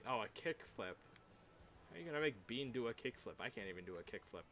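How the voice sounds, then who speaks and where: A man's voice: mid-range voice, animated, a little fast, fairly bright tone, faint music behind. A young man streaming a game, chatting casually and playfully with his viewers, laughing often. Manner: playful, chatty, reads chat aloud, frequent laughs. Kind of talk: casual livestream chat.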